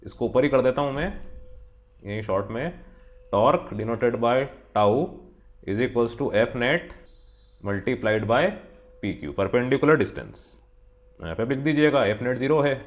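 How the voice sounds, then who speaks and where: A man teaching physics in a step-by-step lesson, patiently explaining each point to his students and slowly reading out the problem. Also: medium pitch. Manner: slow, patient, talks the viewer through each step; reads the question text slowly, word by word. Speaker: physics tutor. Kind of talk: whiteboard lesson, mixing Hindi and English.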